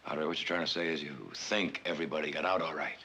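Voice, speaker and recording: A man's voice: very deep voice, steady tone, fast talker, bright, forceful tone, highs cut off. An actor playing a worried, persistent American frontier man in a vintage television western, earnest and pressing in his delivery. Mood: anxious questioning. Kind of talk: 1960s television western acting.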